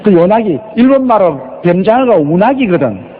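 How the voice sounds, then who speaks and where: An older man preaching a sermon as a pastor, telling stories with rhetorical questions and drawn-out emphasis. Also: high voice, very animated, a little hiss or hum. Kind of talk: sermon, Bible exposition. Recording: lo-fi recording with long reverb.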